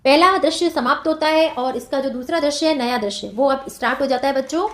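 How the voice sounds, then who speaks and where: A woman's voice: high voice, fairly quick. A woman teacher reading stage directions aloud and explaining words to her students. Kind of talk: reading and explaining a screenplay for a class. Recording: roomy echo.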